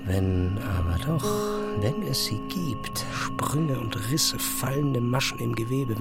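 For an audio drama, a male actor voices an obsessed, haunted physicist in an intense, fragmented inner monologue, brooding as he thinks aloud. His voice is on the low side with vocal fry.

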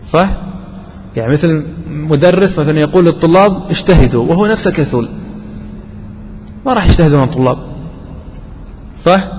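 A man teaching a classroom grammar lesson, quizzing his students and repeating examples slowly. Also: on the high side, darkish tone. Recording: long hall reverb, faint background noise.

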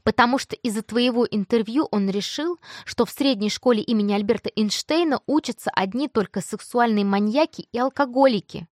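A woman's voice: on the high side, brisk, few pauses, a little mellow, dry recording, studio quality, lightly acted. Woman doing an upset, plaintive teenage girl.

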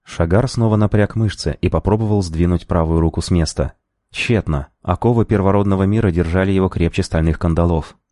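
A man reading a fantasy story aloud in a measured, even narration. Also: low-pitched, dry recording, studio quality. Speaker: audiobook narrator.

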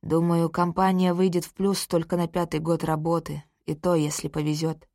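Woman doing a low soft-spoken guy, gentle and steady, dry close sound. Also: normal speed, no echo, natural voice. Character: calm, kindly adult man, gentle and steady. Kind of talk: audiobook character reading.

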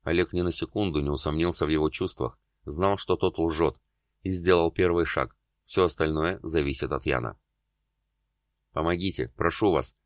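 A man reads dramatic prose aloud in a very deep, low voice, in a steady storytelling manner. The recording is close and dry, with no room sound. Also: normal speed, dry recording. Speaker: audiobook narrator. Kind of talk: scripted narration.

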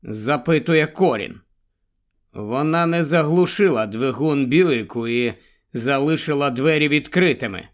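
A man narrating a story aloud in a measured, unhurried way. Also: medium pitch. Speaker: audiobook narrator. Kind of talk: scripted narration.

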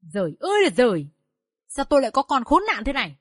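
A woman's voice: sits high, very animated, fast, dry recording, voice pushed up. A woman voicing an older village mother who pleads and laments. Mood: pleading.

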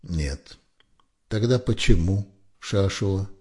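A man reading an audiobook voices a strict army lieutenant who barks orders and turns shrill when angry. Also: animated, takes it slowly, warm tone. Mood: stern.

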